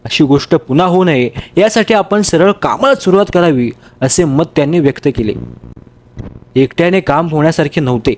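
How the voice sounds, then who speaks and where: A man reading a story aloud in a steady, measured way. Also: on the high side. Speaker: story reader. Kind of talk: storybook narration.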